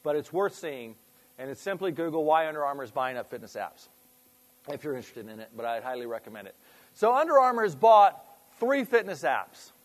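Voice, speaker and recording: Speaking to a live group at a fitness club industry gathering, a man in a slightly raised, sing-song voice delivers a brisk, informal business talk. He's chatty, tosses questions at the crowd, and frequently abandons sentences midway to begin again.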